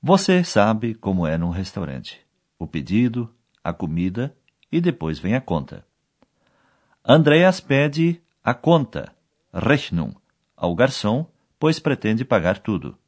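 A man's voice: lowish voice, very animated, slow pace. A man narrating a language course in scripted style, explaining each scene and repeating the key foreign words.

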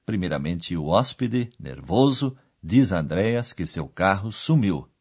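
A man presenting a scripted radio language lesson, explaining each step in a didactic way. His voice is fairly low and husky, with lively, wide-ranging intonation. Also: a little slow. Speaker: radio language course host. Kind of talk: scripted educational narration.

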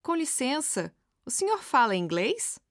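High, lively woman reading lesson prompts. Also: dry recording, clean studio sound. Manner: clear, measured phrase-by-phrase prompts. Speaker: language course narrator. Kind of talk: scripted instructional reading.

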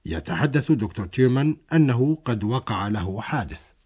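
A man's voice: mid-range voice, expressive, moderate pace, a little mellow, breathy edge. A man narrating a scripted language lesson, explaining a dialogue step by step.

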